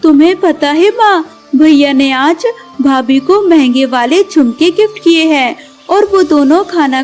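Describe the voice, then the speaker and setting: Woman playing a spiteful young cartoon sparrow, high voice, urgent and tattling. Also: darkish tone. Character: jealous young sister-in-law sparrow, spiteful.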